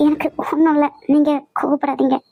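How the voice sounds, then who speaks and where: A woman's voice: sits high, little pitch movement, brisk, vocal fry, dry recording, phone-quality sound. Woman voicing a frightened, secretive young wife. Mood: pleading. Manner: soft, pleading, evasive. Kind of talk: dramatic cartoon voice acting.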